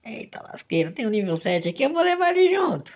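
A man's voice: sits high, very animated, fast. Overexcited gamer man. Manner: exclamatory, emotional, fills lines with "rapaz". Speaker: gaming channel host. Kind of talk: excited hunting-game commentary.

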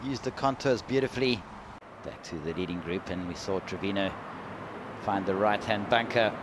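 A man's voice: lowish voice, moderate pace. A man giving live golf commentary as a tournament commentator. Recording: loud outdoor noise, crowd behind. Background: loud outdoor course ambience.

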